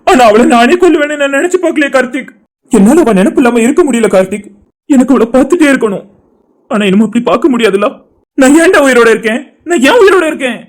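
A voice artist voicing a grieving young man in an animated cartoon drama, pleading, tearful and broken. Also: high-pitched, fast. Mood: despairing.

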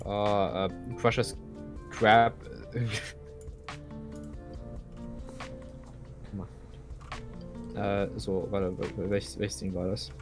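A young man playing a video game with a friend, thinking aloud and often repeating words as he searches for them. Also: lowish voice. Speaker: gamer co-playing. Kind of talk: casual gaming chat.

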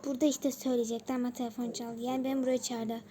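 A woman's voice: fairly high pitch, level tone, racing, warm tone, slight background noise. A woman casually narrating a doll-game role-play story in a chatty, matter-of-fact way. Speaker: storyteller voicing doll characters.

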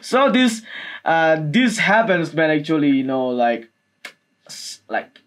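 A man gives casual reaction commentary in a halting, repetitive way, often saying "like" and "man". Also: fairly high pitch, very animated, fairly bright tone. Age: 20s. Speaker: music video reactor. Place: small room indoors. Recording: music playing behind the voice. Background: music from the video being watched.

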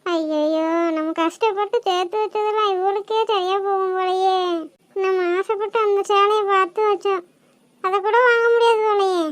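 A woman's voice: very high voice, fairly even intonation, normal speed, dry recording. A woman voicing a scolding, penny-pinching village mother in a cartoon, nagging and exasperated. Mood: worried aside.

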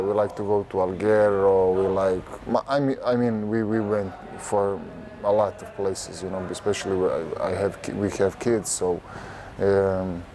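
A young man from Croatia, a Croatian-speaking basketball player, answers a casual interview on a lapel mic in a large indoor arena. His voice sits on the low side and sounds mellow, and he halts and repeats words searching for phrasing. The audio is poor, with slight background noise.

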